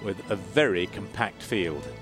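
A man's voice: low-pitched, a little slow. A man giving live televised golf commentary as a broadcast commentator. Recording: music and crowd behind voice.

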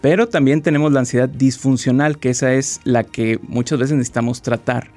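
A man appearing as a guest therapist, calmly explaining how to handle anxiety in an interview. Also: medium pitch, brisk, soft background music. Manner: calm, explanatory.

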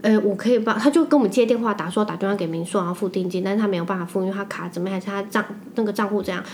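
A woman's voice: mid-range voice, a little hiss or hum. A young woman with a Taiwanese Mandarin accent, chatting on a podcast and telling stories animatedly and emphatically. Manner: animated storytelling, quick and emphatic. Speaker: podcast co-host. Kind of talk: casual chat.

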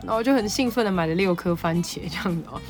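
A woman with a Taiwanese Mandarin accent hosting a podcast, telling a story in an animated, excitable way. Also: lowish voice, racing, faint music behind. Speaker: podcast host. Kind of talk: casual storytelling monologue.

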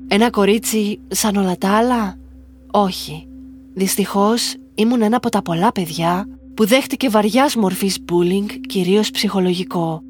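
A woman reading a listener's first-person story aloud in slow, measured scripted narration. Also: mid-range voice, darkish tone.

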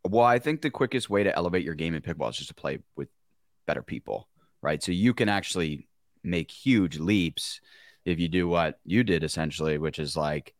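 A man co-hosting an interview, asking steady questions and offering brief acknowledgments. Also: low voice, a little fast, no echo, studio quality. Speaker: podcast co-host.

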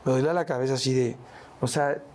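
A man's voice: medium pitch, fairly even intonation, quick pace, a little mellow. A man with a Mexican accent, a guest in an interview, telling his story in casual, slangy speech and often tagging his lines with "¿no?" and "güey".

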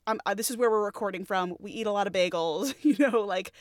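This New Yorker, a woman in her thirties, co-hosts a podcast and talks fast at a medium pitch during a casual interview. She laughs a lot and jokes at her own expense, and the studio sound is clean and dry.

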